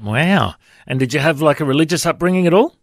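A man's voice: on the high side, lively intonation, quick pace, vocal fry, no echo, studio quality. A man hosting a radio interview in a friendly, conversational way. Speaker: radio host.

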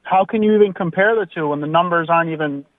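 Calling in to a talk radio show over a tinny phone line, a worried man rambles and keeps restarting his sentences. He talks fast in a voice on the high side, with no room sound.

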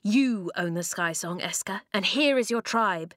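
A woman's voice: mid-range voice, lively intonation, measured pace, no room sound, clean studio sound, lightly acted. A woman voicing an earnest, loyal young boy in a storybook reading, speaking eagerly.

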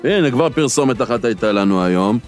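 A man's voice: mid-range voice, lively intonation, soft background music, natural voice. An actor playing a pushy, nosy male butcher who teases his friend bluntly, in a scripted comedy audio drama. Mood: teasing. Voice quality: blunt, mocking. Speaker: butcher podcast co-host.

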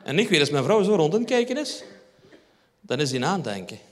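A man's voice: a little high, very animated, brisk. A man with a Flemish accent performing a stand-up routine on stage. He tells a wry story and talks straight to the audience. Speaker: stand-up comedian. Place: theatre hall on stage. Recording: reverberant live hall.

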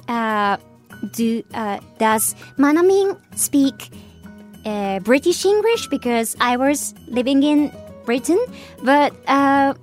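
High, lively Japanese woman hosting a show. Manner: halting, searching for words with many fillers. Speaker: radio show host. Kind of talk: casual talk in English and Japanese.

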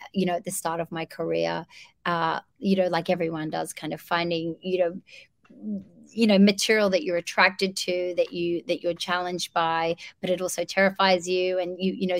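A woman's voice: fairly low pitch, dry recording. Australian woman, dry close sound. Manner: hesitant, many fillers and restarts. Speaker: actress guest. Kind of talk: casual interview chat.

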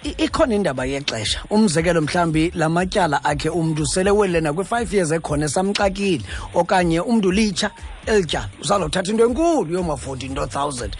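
A man's voice: high voice, animated, fast talker. A man with a South African Xhosa accent hosting a radio interview and putting questions to a guest. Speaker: radio host.

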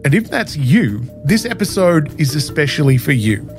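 A man with a hoarse, scratchy voice hosts a podcast in a conversational, narrated style. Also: fairly high pitch, big pitch swings, moderate pace, soft background music. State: hoarse, scratchy voice after flu. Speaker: podcast host.

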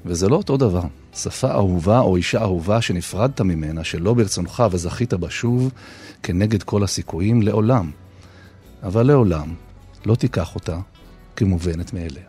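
A man hosting a radio show, narrating scripted personal stories in a measured way with deliberate pauses. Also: deep voice, warm tone, slightly rough, faint music behind. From Israel. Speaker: radio host.

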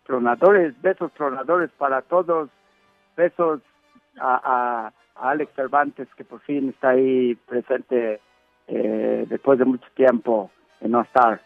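A man's voice: mid-range voice, steady tone, gravelly, dry recording. Bumbling British radio correspondent played by a man, stammering, thin phone-like sound, music behind. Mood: halting, playful. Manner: halting, stammering, repeats words. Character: bumbling male British correspondent with halting, accented Spanish. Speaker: mock foreign correspondent. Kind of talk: comic mock radio news report.

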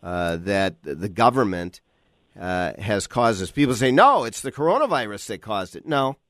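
An American man hosting opinionated talk radio, halting and repeating phrases for emphasis as he goes. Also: on the low side, very animated, fairly bright tone, no room sound, clean studio sound. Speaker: radio talk show host.

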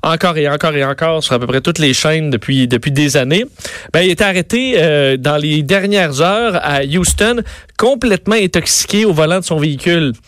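A man's voice: a little high, normal speed, a bit bright, dry recording. A man with a Quebec French accent, a radio columnist telling odd news stories in a chatty way, full of fillers. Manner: chatty storytelling, many fillers. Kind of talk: casual radio chat.

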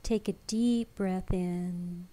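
Female meditation teacher, unhurried pace, relaxed warm tone, soft breathy soothing delivery, guided practice. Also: fairly low pitch.

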